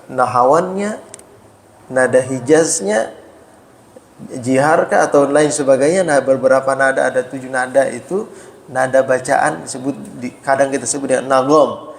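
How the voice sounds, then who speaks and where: A man's voice: medium pitch, creaky, a little hiss or hum. A man preaching in a mosque, explaining Arabic terms and asking his listeners questions, with "ya" after nearly every phrase. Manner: explains Arabic terms slowly, frequent "ya" tags; asks listeners rhetorical questions. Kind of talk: mosque study talk. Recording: echoey mosque hall.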